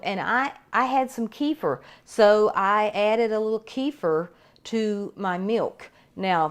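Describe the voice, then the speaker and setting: Middle-aged woman showing how she makes bread, rambly and chatty, kinda low voice. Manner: chatty, rambling, with frequent restarts and fillers. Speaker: home baker demonstrating a recipe. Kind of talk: casual cooking demonstration.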